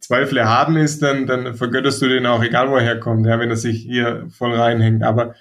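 A man discussing football club youth policy in a measured, reflective way, pausing often to find his words. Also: medium pitch, little pitch movement, fairly bright tone. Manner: measured, reflective, frequent hesitations. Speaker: podcast co-host, football pundit. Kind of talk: casual discussion.

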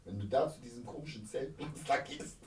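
A man's voice: mid-range voice, brisk, darkish tone. A man hosting a podcast, bantering casually with his co-host and guest. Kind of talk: casual chat.

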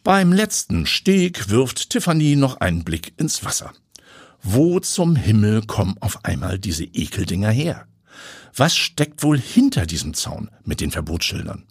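A low, husky male voice reads a story aloud and makes it vivid. His pitch moves a great deal with the action, recorded close and dry. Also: very animated, measured pace, dry recording. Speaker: narrator. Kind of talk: audiobook story reading.

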